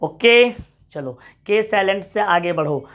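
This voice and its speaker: Teacher drilling word lists. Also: male voice, high voice, animated, takes it slowly, fairly bright tone, slight background noise. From Bihar, India. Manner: drills words by repeating them, urges students on; addresses students as friends, gives pep talks. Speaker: English teacher. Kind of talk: online class lecture.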